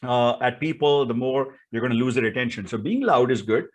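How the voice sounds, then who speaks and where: A voice and public speaking coach with an Indian accent presents an instructional talk. His medium-pitched voice is animated and a little fast, and he is emphatic and repetitive, often checking in with the listener.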